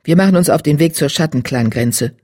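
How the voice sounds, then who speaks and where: A narrator voicing a calm male cat who is a clan's deputy leader and a father, in a German audiobook. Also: medium pitch, brisk, dry recording, clean studio sound, natural voice. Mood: steady. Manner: calm and steady. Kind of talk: audiobook character voice.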